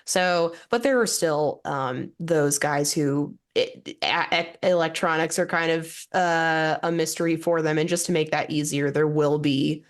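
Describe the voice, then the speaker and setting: A young woman guest on a podcast, energetic and chatty, full of "like". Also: deep voice, a little slow, hardly any pauses. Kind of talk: casual podcast chat.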